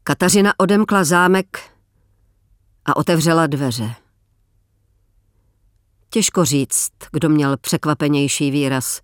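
Measured male audiobook narrator. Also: fairly high pitch, clean tone, dry recording, clean studio sound. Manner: measured, slowing for emphasis.

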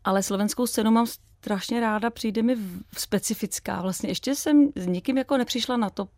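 A woman's voice: a little high, a little mellow, no echo. A young woman, a jazz singer and radio guest, talking casually and hesitantly, with many fillers and restarts.

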